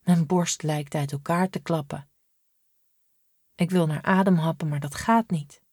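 Woman reading audiobook, lowish voice, super dry close mic. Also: breathy edge, no echo. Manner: steady, measured storytelling. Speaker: audiobook reader. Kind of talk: first-person audiobook narration.

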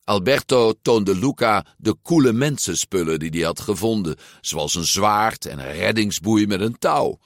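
Guy reading a kids story, slow, lively intonation, low voice, dry close mic. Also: no echo. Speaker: narrator.

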